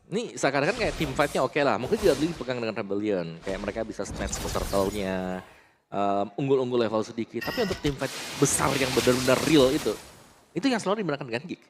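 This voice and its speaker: A man's voice: medium pitch, lively intonation, fast, over music. A man giving analytical live esports commentary in a conversational, explanatory way.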